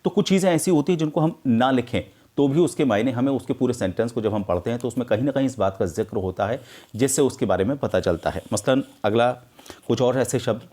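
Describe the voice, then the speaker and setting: A middle-aged man teaching script writing for news, explaining in a measured way with frequent hesitations. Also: medium pitch, mellow. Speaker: media teacher. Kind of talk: explaining script mistakes to camera.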